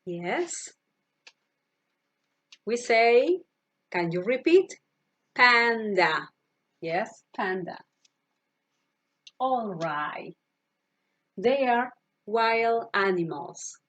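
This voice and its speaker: Very slow-speaking teacher woman. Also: fairly high pitch, sing-song. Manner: slow, repeats each word, asks children to repeat. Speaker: primary school English teacher. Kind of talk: online class, slow vocabulary drill. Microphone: computer mic, virtual class.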